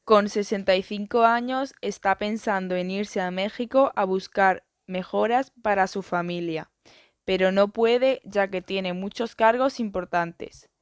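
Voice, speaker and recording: A woman reading an educational biography and book summaries in a steady, even narration. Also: medium pitch, a little slow, clear, resonant tone, no room sound, studio quality.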